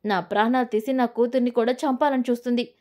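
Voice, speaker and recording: A woman's voice: a little high, steady tone, quick pace, natural voice. A woman voicing a fierce young mother, desperate and angry about her kidnapped daughter. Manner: angry shouting, commanding.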